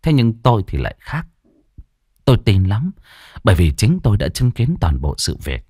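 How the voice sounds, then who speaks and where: Brief: low-voiced male storyteller, dramatic and lively, dry close mic. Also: normal speed, slightly rough, no room sound. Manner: dramatic, expressive, swings between hushed and loud. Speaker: ghost story narrator.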